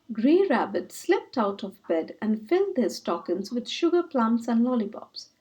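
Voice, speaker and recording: With a high voice and animated, swooping intonation suited to picture books, a woman reads a children's story out loud.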